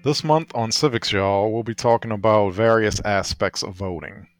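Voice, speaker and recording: A man's voice: fairly low pitch, normal speed. A man co-hosting a casual political podcast, reflective and self-deprecating, laughing often. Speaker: podcast co-host.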